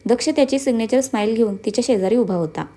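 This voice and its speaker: A woman narrates a story in a steady, expressive reading. Her voice sits a touch high and is warm and mellow. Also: fast.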